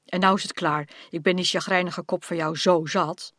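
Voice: mid-range voice, steady tone, fast, no echo, natural voice. An audiobook reader voicing an exasperated middle-aged father scolding his daughter in an insistent tone. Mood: stern scolding. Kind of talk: audiobook reading. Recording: dry close studio sound.

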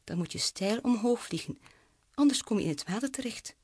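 A woman's voice: a little high, expressive, a little fast, darkish tone, husky, no room sound. A woman reading aloud and voicing a bold, reckless young female bat in a storybook. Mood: urgent.

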